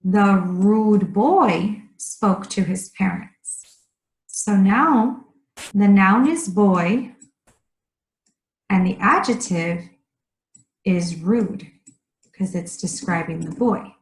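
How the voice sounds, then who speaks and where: Woman, ESL teacher, very slow careful delivery, repeats key words, roomy echo. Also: mid-range voice. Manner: speaks slowly and deliberately, repeating key words. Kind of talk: slow, clearly enunciated grammar lesson.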